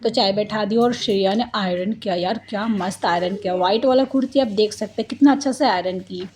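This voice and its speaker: A woman's voice: medium pitch, brisk, darkish tone. A woman in her thirties from India tells her day as a family vlogger, in a loose, rambling, talkative flow. She keeps dropping little fillers and homely side remarks. A faint hiss of background noise sits under her voice. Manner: chatty and rambling, with many fillers and homely asides. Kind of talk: casual vlog narration.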